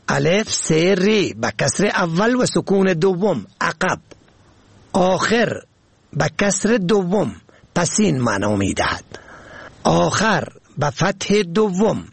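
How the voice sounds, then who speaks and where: A man reading a pronunciation lesson on radio, slow and deliberate, spelling words out letter by letter. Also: fairly high pitch, gravelly, breathy edge, no echo.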